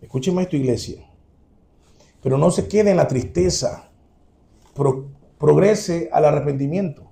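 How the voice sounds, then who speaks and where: A man's voice: fairly high pitch, measured pace, creaky, pauses often, warm tone. A man preaching a sermon to his congregation, earnest and direct, repeating his key points.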